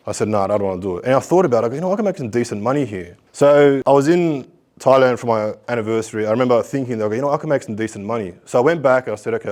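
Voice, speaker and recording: A man's voice: mid-range voice, darkish tone. A middle-aged man giving a motivational talk to school students, telling his life story and acting out the conversations in it. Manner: storytelling, acts out dialogue. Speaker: guest speaker. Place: school hall.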